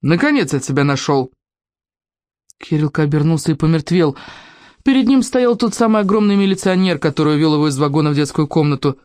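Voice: medium pitch, fast, a little mellow, dry recording, studio quality. A reader narrating a children's storybook expressively. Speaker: audiobook reader.

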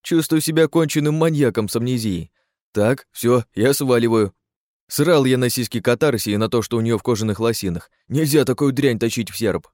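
A man's voice: mid-range voice, brisk, darkish tone, dry recording, studio quality. A man giving sardonic, crude first-person audiobook narration.

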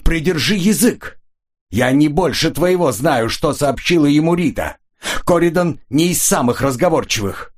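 A man's voice: on the high side, lively intonation, moderate pace, voice pushed up. A man voicing a nervous, evasive man who talks defensively in a raised, strained voice.

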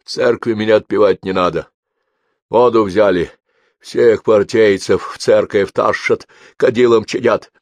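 A man voicing a foul-mouthed old man in his eighties on his deathbed, gruff and short of breath. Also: lowish voice, fairly even intonation, unhurried, no room sound, lightly acted. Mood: grumbling.

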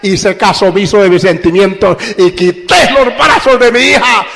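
Male pastor preaching, gravelly voice, dramatic storytelling that swings from whisper to shout, long hall reverb. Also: high voice, normal speed. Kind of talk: sermon.

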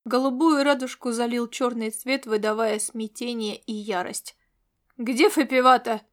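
Woman narrating an audiobook, higher voice. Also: fairly even intonation, normal speed. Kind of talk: scripted narration.

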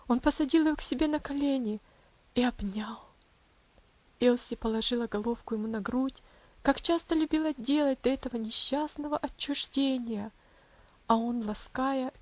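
A woman calmly narrating a storybook in an even reading voice. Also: high-pitched, dry recording, muffled recording. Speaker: audiobook reader.

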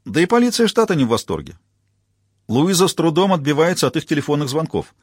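Man reading businesslike colleague, brisk, slightly higher, husky. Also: big pitch swings, dry recording, studio quality.

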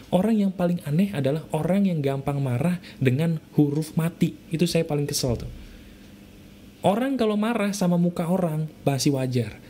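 A man's voice: a little high, dark tone, a little hiss or hum. A man giving a motivational talk, asking the listener direct rhetorical questions. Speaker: motivational speaker.

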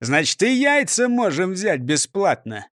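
A man's voice: high voice, sing-song, unhurried, fairly bright tone, no echo, studio quality, exaggerated voice. A man reading a storybook and voicing a scornful, bossy male gang chief who barks and mocks. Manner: barking and mocking.

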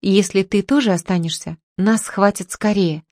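A woman's voice: moderate pace, darkish tone, dry recording, clean studio sound, natural voice. Woman doing resolute young daughter. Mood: determined. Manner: firm, resolute, raised pitch.

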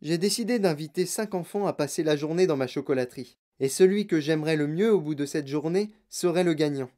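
Brief: eccentric old candy maker, brisk and emphatic, a man reading him in a storybook. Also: a little high, a little mellow, natural voice. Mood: excited. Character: eccentric excitable old male chocolate maker. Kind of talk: audiobook character reading.

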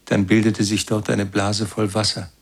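An actor in a radio play narrating as a grown son who recalls his childhood in slow, brooding words and keeps turning to address his mother. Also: on the low side, monotone, vocal fry, husky. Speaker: first-person narrator.

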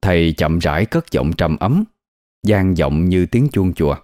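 A man narrating a scripted ghost story in a measured, steady way. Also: sits low, no room sound, studio quality.

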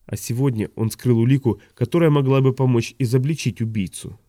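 A man narrates an audiobook in a calm, even reading. His voice is dark and mellow, with a middling pitch, and is recorded dry and close to the mic. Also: brisk, no room sound. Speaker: audiobook reader.

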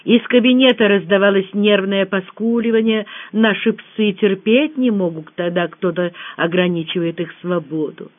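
Expressive audiobook reader, tinny sound. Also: mid-range voice, normal speed, hardly any pauses. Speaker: audiobook narrator. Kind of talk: reading a novel aloud.

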